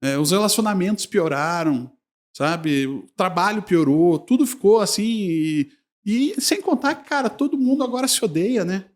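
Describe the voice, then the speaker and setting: A man's voice: high voice, animated, normal speed. A male sports journalist, telling anecdotes in a casual podcast chat with frequent laughter. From Brazil.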